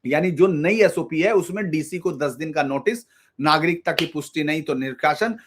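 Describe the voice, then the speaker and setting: A man's voice: fairly high pitch, moderate pace, fairly bright tone, a little hiss or hum. Man explaining political news. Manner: explains at length, with restarts and repetition for emphasis. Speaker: news commentator. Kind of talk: solo explanatory news commentary.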